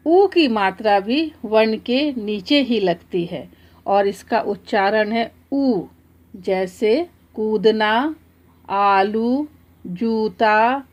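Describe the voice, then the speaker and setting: A woman teacher explaining a lesson to children, slowly drawing out example words one by one. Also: medium pitch, highs cut off. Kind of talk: slow, deliberate classroom explanation.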